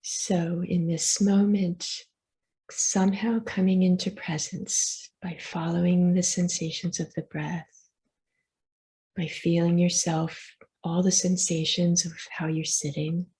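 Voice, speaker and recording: A woman guides a meditation as the teacher, giving soft, reassuring, unhurried instructions broken up by pauses. Her voice is on the low side and her delivery is flat.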